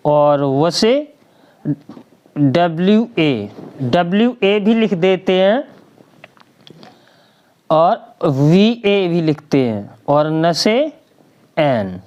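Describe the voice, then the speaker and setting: A woman's voice: fairly low pitch, darkish tone, clean tone, lo-fi sound. A woman teaching a spelling lesson, patient and drawn out, spelling letters one by one and answering her own questions. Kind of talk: slow classroom lesson.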